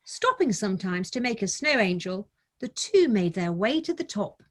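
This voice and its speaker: Very animated at a normal speed, this middle-aged woman speaks at medium pitch. As a visiting children's author, she shares a casual story with young listeners and then reads aloud from her picture book.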